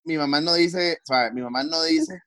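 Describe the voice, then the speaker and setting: Man, young, Costa Rican accent, slightly high voice, casual podcast storytelling. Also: normal speed, a loud crowd. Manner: storytelling, animated retelling with laughs. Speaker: podcast co-host. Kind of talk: casual chat.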